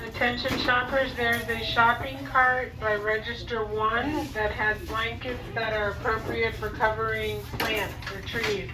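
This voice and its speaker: A woman's voice comes over a store intercom, set fairly high and kept flat and even as she addresses shoppers. She sounds far from the mic, and the sound rings in a large, echoey room. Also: measured pace, few pauses. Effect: store intercom loudspeaker. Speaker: store staff making an announcement. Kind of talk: public address announcement. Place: large indoor thrift store. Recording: echoey distant store loudspeaker.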